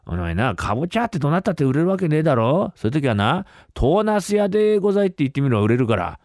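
A man doing a gruff street passerby. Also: mid-range voice, sing-song, rapid-fire, dry recording, studio quality. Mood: coaching. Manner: gruff, curt. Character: irritable middle-aged man on the street.

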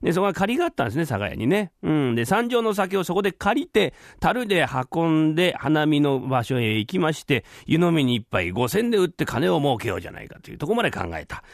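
A man telling a comic story, chatty and polite as he recaps the plot. His fairly high voice jumps around with a gravelly texture, recorded close and dry. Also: quick pace, hardly any pauses, dry recording. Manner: lively, chatty, polite narration. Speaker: rakugo storyteller.

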